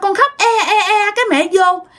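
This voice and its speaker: A woman's voice: very high-pitched, moderate pace, fairly bright tone, a little hiss or hum, pitched above the performer's own voice. A woman voicing the ghost of a young child who was abandoned, reproachful and pleading. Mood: plaintive. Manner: childish whining, clingy and reproachful. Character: wronged ghost girl-child, sulky, whining, pleading. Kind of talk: storytelling.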